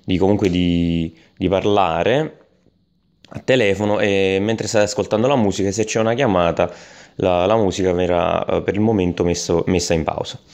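Deep-voiced man reviewing gadgets. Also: normal speed, creaky, a little mellow. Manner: hesitant, many fillers and restarts. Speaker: tech product reviewer. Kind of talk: unscripted product review voice-over.

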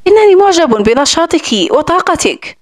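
A woman's voice: very high voice, sing-song, moderate pace, no room sound, clean studio sound, pitched above the performer's own voice. A woman reading the part of a stern, sarcastic wealthy man who owns an island estate, speaking coldly and mockingly. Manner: cold, mocking.

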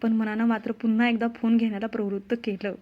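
A woman's voice: on the high side, little pitch movement, fast. A woman narrating a family romance story as a storyteller, reading expressively. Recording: dull lo-fi sound.

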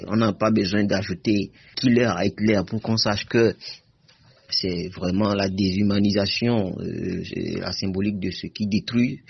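A husky, fairly low-voiced man talks through a book at a very slow, measured pace. He lays out his ideas one step at a time. The sound is dry and dull, as if from a lo-fi recording. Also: no room sound. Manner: measured and explanatory. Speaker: book presenter. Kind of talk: literary discussion.

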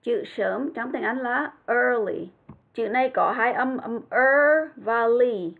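A woman's voice: on the high side, takes it slowly, vocal fry. A woman teaching an English lesson, speaking carefully and repeating words for pronunciation. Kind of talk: language lesson. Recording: tinny phone-like sound.

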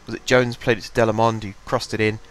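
This is a young man with a cold, his voice congested, rambling through casual commentary on his own game at a home desk mic. He runs a gaming channel. He speaks fast and flatly in a lowish, slightly bright voice, thinking aloud as he talks.

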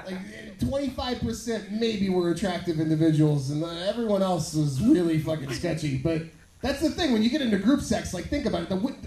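Smutty stand-up comic, high-pitched creaky man. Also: animated, brisk, crowd noise. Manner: leering, smutty joking. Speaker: stand-up comedian. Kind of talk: stand-up comedy, conversational and profane. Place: small bar or club stage at night. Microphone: handheld stage microphone through PA, filmed from the audience. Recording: echoey room recording with audience noise.

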